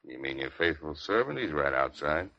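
A man's voice: extremely low pitch, very animated, normal speed, heavily acted. An actor playing a sardonic, needling 1930s beat cop, a hard-boiled city policeman in a vintage radio crime drama. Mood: dry, mocking. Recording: dull vintage radio recording.

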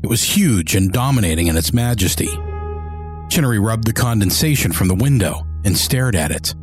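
A man's voice: lowish voice, lively intonation, moderate pace. Male narrator reading a story over music. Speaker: audiobook narrator. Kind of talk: dramatic scripted story narration. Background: music score.

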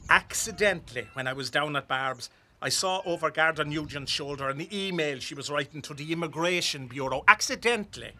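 A man's voice: fairly high pitch, a little fast, sharp tone. A man playing a meddling Irish do-gooder. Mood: earnest. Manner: earnest, evasive, well-meaning. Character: earnest, meddling do-gooder nephew. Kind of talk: radio comedy acting.

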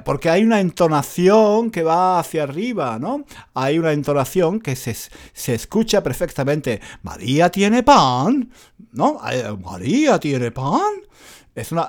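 An animated Spanish teacher from Spain, a man with a voice on the high side, gives a casual spoken lesson. He repeats phrases and cracks self-mocking jokes.

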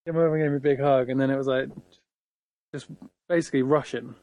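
A man's voice: mid-range voice, steady tone, quick pace, mellow, dry recording. A man, a guitarist, telling a rambling story in casual conversation, full of fillers and acted-out quotes. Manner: rambling, heavy with fillers, acts out quoted lines. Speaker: guitarist guest.

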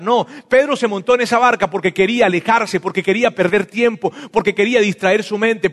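Pastor preaching, high voice, lively, acts out the lines, echoey church hall. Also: male voice. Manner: animated preaching, acts out voices, swings from loud to hushed. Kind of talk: sermon. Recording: long reverb of a hall.

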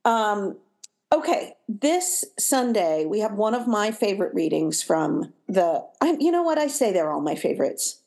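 A middle-aged woman co-hosting a podcast, chatting casually, easygoing and quick to laugh. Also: mid-range voice, big pitch swings, a little mellow. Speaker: podcast co-host. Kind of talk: casual chat.

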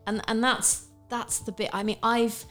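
A woman in her late thirties co-hosting a podcast, musing in a halting way with many restarts and ums. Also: on the high side, level tone, a bit bright, soft background music. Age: 30s. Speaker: podcast co-host. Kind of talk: casual chat.

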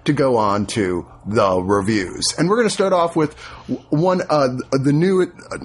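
A man's voice: mid-range voice, moderate pace, husky. A man with an American accent hosting a podcast in a casual, rambling chat style. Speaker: podcast host.

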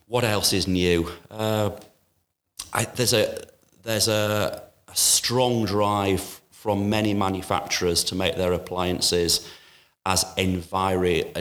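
Deep, flat-voiced shop owner. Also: male voice. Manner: measured, with frequent "uh" pauses and restarts. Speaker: kitchen appliance shop owner. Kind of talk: business interview.

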